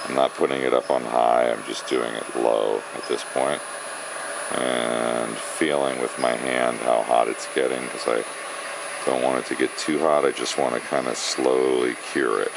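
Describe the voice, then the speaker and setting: A man teaching woodturning step by step, talking it through haltingly as he works at a lathe in a windy workshop. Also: rumbling low, flat delivery, gravelly. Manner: halting, thinking aloud while working. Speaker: woodturning instructor. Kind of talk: casual step-by-step demonstration. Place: workshop with lathe, wind outdoors.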